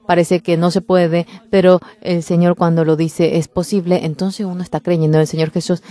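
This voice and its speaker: A woman's voice: lowish voice, dark tone, no echo. A woman delivering a church sermon in a fervent, emphatic preaching manner. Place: church service.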